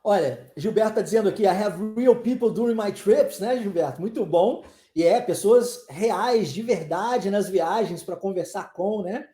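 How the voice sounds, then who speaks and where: A woman teaching English in a live online lesson, chatting with viewers, laughing often and checking in with quick questions. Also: medium pitch, mellow, echoey room.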